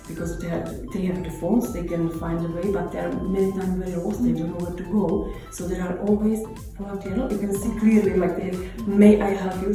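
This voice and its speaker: A woman giving her opinion in halting second-language English, often rephrasing as she goes. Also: medium pitch, mellow. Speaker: interviewee. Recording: strongly echoey with music behind.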